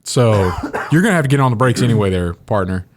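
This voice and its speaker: A man co-hosting a podcast, telling stories in a joking, animated way. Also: fairly low pitch, quick pace, background noise. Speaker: podcast co-host. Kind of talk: casual chat.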